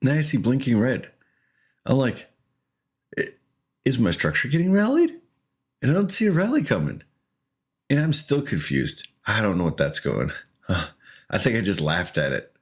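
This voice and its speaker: A man's voice: fairly low pitch, moderate pace, breathy edge. A man casually commenting on his own gameplay, often laughing and acting out what he said in the moment. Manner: laughs often, excitable, retells with quoted self-talk. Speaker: gaming streamer.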